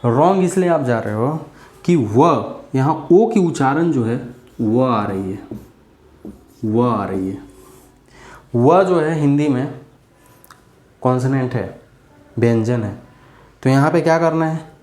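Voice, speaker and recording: A man's voice: mid-range voice, lively intonation, slow, pauses often, darkish tone, roomy sound. A man giving a casual grammar lesson, chatty and repetitive as he drills examples. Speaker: English grammar teacher.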